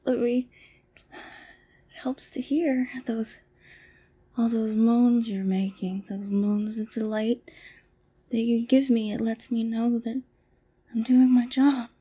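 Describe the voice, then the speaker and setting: Slow breathy whispering woman. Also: a little high. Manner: soft, soothing, mostly whispered. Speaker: ASMR roleplay masseuse. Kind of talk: ASMR roleplay.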